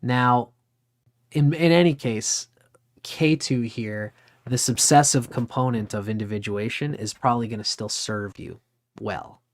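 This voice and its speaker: A man's voice: medium pitch, a little slow. Man giving a rambling astrology talk. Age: 40s. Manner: rambling, conversational, occasional swearing. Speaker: astrology teacher. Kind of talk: casual lecture.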